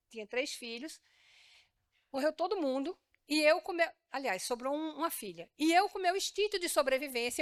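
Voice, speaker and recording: A woman's voice: high-pitched, dry recording, clean studio sound. A middle-aged woman from Sergipe, Brazil, giving a spiritist lecture in a theater. She tells stories with energy, acts out the dialogue and calls out to the audience. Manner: lively storytelling, acting out dialogue.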